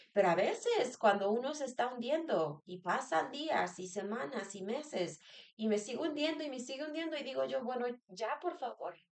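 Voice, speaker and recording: A woman sharing a personal devotional talk as a church member, earnest, repeating phrases and asking rhetorical questions. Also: mid-range voice.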